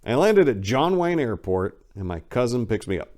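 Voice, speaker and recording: At a moderate pace and in a mid-range voice, a man hosts an expressive reading styled as a personal memoir. His delivery turns emphatic at some moments and hushed at others.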